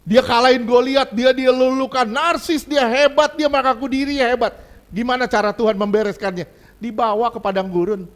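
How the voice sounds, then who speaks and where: Male pastor, higher-pitched voice, lively conversational sermon delivery with loud punches and quiet asides. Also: normal speed. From Indonesia.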